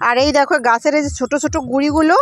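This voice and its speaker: A woman's voice: high voice, steady tone, rapid-fire. A young woman vlogger chatting to her viewers as she walks outdoors along a muddy riverbank. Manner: chatty, talks straight to viewers while walking. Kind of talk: casual travel vlog.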